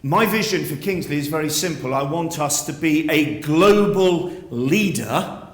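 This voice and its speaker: A man's voice: a little high, measured pace. A man, a school headmaster, giving an earnest, persuasive speech to pupils at an assembly, using rhetorical questions. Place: school hall. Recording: echoey hall.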